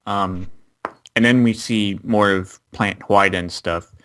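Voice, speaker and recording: A man's voice: fairly low pitch, steady tone, takes it slowly, fairly bright tone. A man co-hosting an anime review, recapping the episode plot in casual chat with frequent fillers.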